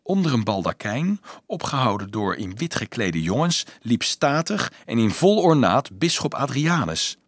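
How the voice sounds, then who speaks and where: Expressive, slightly husky male storyteller. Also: mid-range voice, a little slow, no room sound, studio quality. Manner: dramatic, expressive reading that acts out the shouts. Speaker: audiobook narrator. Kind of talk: scripted narration.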